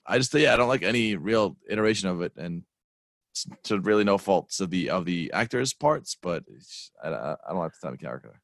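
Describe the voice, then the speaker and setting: A man's voice: low voice, expressive, a little fast, fairly bright tone, no room sound, clean studio sound. A man co-hosting a casual movie review podcast, blunt and rambling, with lots of "um" and "like.". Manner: blunt, rambling, frequent fillers. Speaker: podcast co-host.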